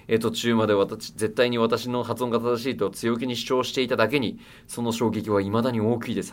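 A young man hosting a casual radio show, rambling and joking to himself as he reads listener mail. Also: medium pitch. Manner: rambling, self-mocking, bursts of loud laughter and shouting. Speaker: radio host.

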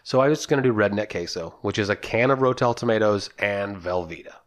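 A man's voice: fairly low pitch, fairly quick. Easygoing man explaining a recipe. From South Texas. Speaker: podcast co-host. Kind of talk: casual chat.

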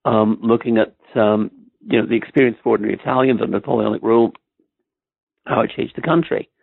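A man's voice: mid-range voice, creaky, no echo. A man with an Irish accent, a historian being interviewed on a podcast, who talks in a hesitant way with many ums and restarts. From Ireland. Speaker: guest historian. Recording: tinny phone-like line.

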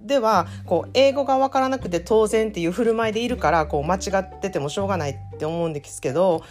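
A woman from Japan with a Kansai accent, hosting a casual solo podcast and telling self-deprecating stories in a chatty, animated way. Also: medium pitch, fast, faint music behind. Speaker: podcast host.

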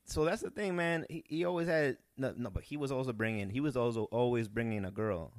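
A man's voice: medium pitch, brisk, no echo, clean studio sound. Peru-born man telling rambling stories. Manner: rambling, animated storytelling with restarts. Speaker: guest comedian. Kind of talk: casual podcast chat.

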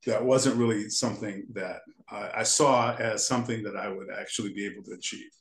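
A man's voice: on the low side, steady tone, brisk. Man in his 60s just rambling thru old stories, keeps restarting, kinda echoey room. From United States. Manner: rambling, restarts sentences often. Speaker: guest, character designer. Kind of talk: casual storytelling interview.

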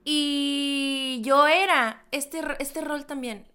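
A young Mexican woman co-hosting a podcast in casual chat, chatty and quick to laugh. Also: high-pitched, fairly even intonation, sharp tone. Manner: chatty, laughs often, calls listeners "bebés". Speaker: podcast co-host.

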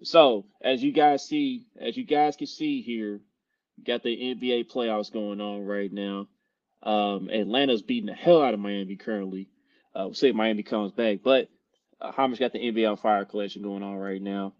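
Dry-sounding slangy sports bro. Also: male voice, fairly low pitch, fairly even intonation, moderate pace, a little mellow, no room sound. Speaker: sports show co-host. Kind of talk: casual sports chat and sponsor plugs. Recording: slightly dull, dry audio.

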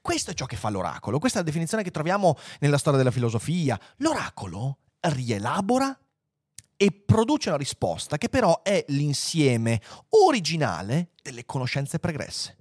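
A man's voice: on the high side, sing-song, normal speed, no room sound, clean studio sound. A man reading a passage aloud and then commenting on it in an amused, conversational lecture style. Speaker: lecturer on philosophy and literature.

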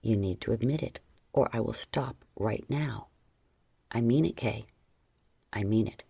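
A woman voicing a stern, commanding adult man who speaks low and slow, often half-whispered. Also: vocal fry, mellow, breathy edge, no room sound, heavily acted.

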